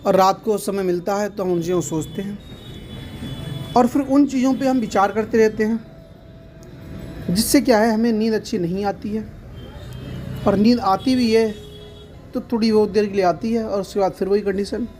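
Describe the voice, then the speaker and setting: Male meditation guide, earnest and explanatory, soft music faintly behind. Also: high voice, fairly even intonation, moderate pace, long pauses. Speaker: meditation teacher. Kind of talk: instructional talk to camera.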